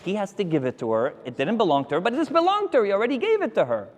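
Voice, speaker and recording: A male rabbi lectures his congregation, his fairly high voice swooping up and down as he spins a story. He keeps turning to the crowd to ask and prod them. The sound rings with a long hall reverb. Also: rapid-fire. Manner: animated storytelling, addressing the crowd directly.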